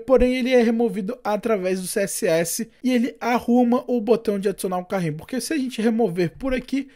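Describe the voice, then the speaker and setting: A man from Brazil narrating a step-by-step screen-recorded software tutorial, explaining settings and giving his own recommendations. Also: high voice. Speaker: tutorial host.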